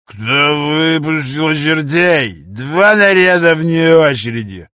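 A man voicing an old, drunk male professor cat who shouts in a delirium. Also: a little high, lively intonation, slow, no echo, clean studio sound, full character voice. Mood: delirious. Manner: slurred, shouting nonsense.

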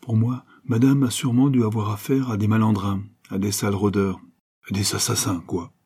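A man's voice: lowish voice, fairly even intonation, normal speed, dark tone, slightly rough. A man reading the part of an outspoken, worried young countrywoman in a blunt, indignant tone.

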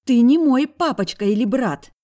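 A woman doing a bratty, shrill teenage girl. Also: lively intonation, moderate pace, dark tone. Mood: indignant. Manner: shrill, indignant, pushing back. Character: bratty defiant young woman, hot-tempered.

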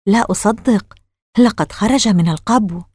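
A woman voicing a worried young girl who speaks earnestly and tensely, trying to stay calm. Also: medium pitch, moderate pace, breathy edge, no room sound, clean studio sound, close to an everyday voice.

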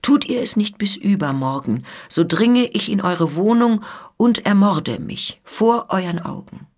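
A woman with a husky voice reading out the urgent, imploring letter of a desperate young man in a literary radio reading. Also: medium pitch, animated, measured pace, a little mellow, voice pushed up.

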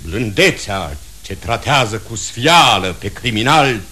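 A man's voice: fairly low pitch, lively intonation, sharp tone. A man playing a stern ruling prince in a radio play, passing judgement in formal, commanding speech.

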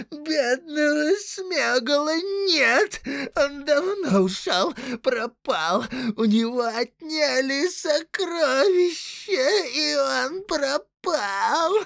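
A shrill whimpering wretched creature. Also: male voice, vocal fry, sharp tone, no room sound, clean studio sound, heavily acted. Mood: bitter whining. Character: wretched whining male creature, split and pleading. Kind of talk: audiobook character voice.

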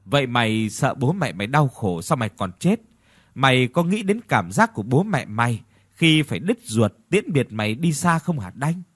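A man's voice: medium pitch, very animated, normal speed, fairly bright tone, breathy edge, clean studio sound. A man voicing a loyal young villager who earnestly pleads with and scolds his dead friend, over faint music in a reverberant space. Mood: reproachful.

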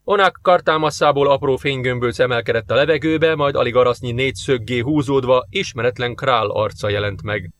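A man narrating a science fiction audiobook in a steady, even storytelling voice. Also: mid-range voice, few pauses, no echo. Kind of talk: scripted narration.

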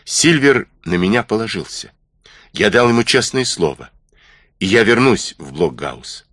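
A man's voice: on the low side, animated, measured pace, fairly bright tone, no room sound, clean studio sound. A man voicing an honest, frightened teenage cabin boy in an audiobook, earnest and pleading. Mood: resolute.

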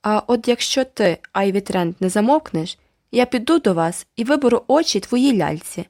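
A woman's voice: mid-range voice, big pitch swings, brisk, breathy edge, dry recording, clean studio sound, voice pushed up. A woman voicing a sulky, hot-tempered little boy in a storybook reading. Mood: furious. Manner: shouting threats.

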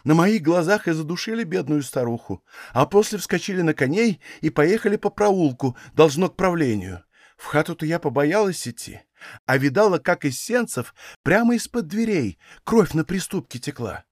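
A man's voice: fairly high pitch, lively intonation, normal speed, no room sound, clean studio sound. A man voicing a frightened old village woman. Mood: hushed.

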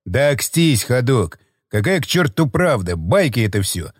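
Gruff skeptical stalker, read by a man, lively delivery, long reverb tail. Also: mid-range voice, moderate pace, studio quality. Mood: scoffing. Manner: dismissive, lecturing. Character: skeptical grown male stalker, gruff and blunt. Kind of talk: audiobook character voice.

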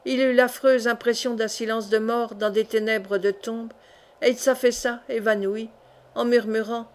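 A woman narrating a classic adventure novel in a measured, expressive audiobook reading. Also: a little high. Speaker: audiobook reader.

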